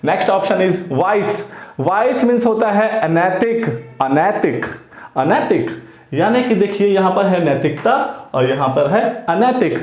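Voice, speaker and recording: A man teaching English vocabulary for exam prep, explaining slowly and repeating key words as he switches between Hindi and English. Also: high voice, animated, darkish tone, reverberant.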